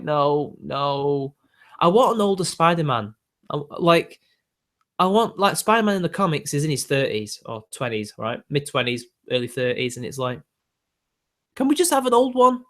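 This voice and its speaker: Sing-song and fairly bright, his voice rides on the high side at a normal pace. The young-sounding British YouTube host, in his twenties, rants casually at viewers, exasperated and full of fillers.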